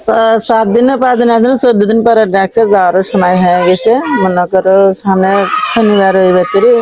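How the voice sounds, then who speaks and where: A woman's voice: medium pitch, steady tone, brisk, a little mellow. A middle-aged woman, pleading for help in an interview and repeating herself. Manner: pleading, repetitive. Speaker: interviewee, mother appealing for help. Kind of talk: plain spoken appeal in an interview.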